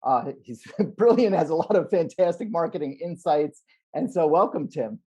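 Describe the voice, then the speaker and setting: A man's voice: fairly high pitch, animated, normal speed, darkish tone, breathy edge, dull audio. Upbeat middle-aged male interview host. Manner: upbeat, enthusiastic, hesitant restarts. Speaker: podcast host. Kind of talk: casual interview hosting. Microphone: wired earphones on video call.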